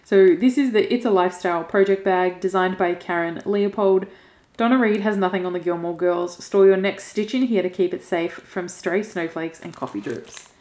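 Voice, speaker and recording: A woman's voice: lowish voice, normal speed, a little mellow, reverberant. A woman chatting casually as she unboxes craft goods, gushing, emotional and laughing often. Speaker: cross stitch vlogger.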